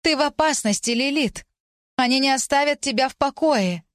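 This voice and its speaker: A woman's voice: high-pitched, normal speed, no room sound, studio quality, voice pushed up, natural voice. Woman voicing a desperate ghostly girl. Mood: warning. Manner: urgent, pleading cries. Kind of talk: audiobook character voice.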